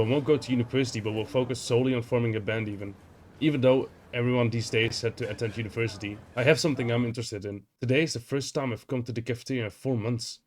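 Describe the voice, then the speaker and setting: A young man playing an indie horror visual novel, reading its text aloud and reacting in an animated way, swearing and saying "like" a lot. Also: mid-range voice. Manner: animated, swears, heavy use of "like".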